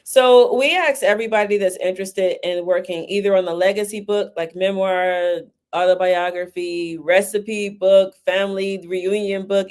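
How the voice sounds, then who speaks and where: A woman who runs a book publishing service, giving an interview in a quick, casual way and often checking in with "right?". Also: medium pitch, a little mellow. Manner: talks fast, says "right?" often. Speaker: guest, book publisher and ghostwriter.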